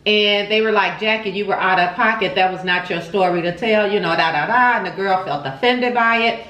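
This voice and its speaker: A woman's voice: mid-range voice, fairly quick, bright, forceful tone. A woman hosting a casual mukbang, chatting expressively and repeating words for emphasis while chewing her food. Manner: chewing and eating while talking. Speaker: vlog host. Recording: roomy, echoey home recording.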